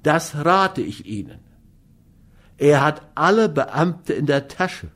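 A man's voice: a little high, very animated, takes it slowly, fairly bright tone, full character voice. A man reading an audiobook, voicing an eager bystander who gossips and gives advice. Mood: gossipy. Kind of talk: audiobook character voice.

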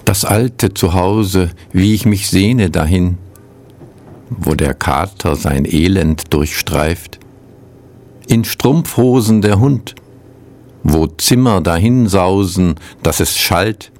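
A man presenting a radio culture program, reading poems aloud in a calm, measured way and introducing the music between them. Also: deep voice.

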